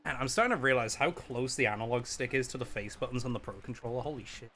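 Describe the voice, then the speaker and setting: A man with a bright, forceful voice riffs sarcastically with a friend during a game session, cursing in casual banter. His pitch is mid-range for a man. Faint music sits underneath. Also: fast. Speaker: co-host of a gaming playthrough. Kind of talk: casual chat while playing a video game.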